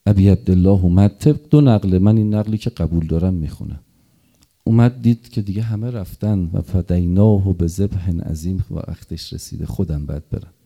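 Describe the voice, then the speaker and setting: A middle-aged man giving an impassioned mourning sermon, dropping to murmurs and rising to loud cries. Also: low voice, gravelly, husky. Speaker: religious eulogist.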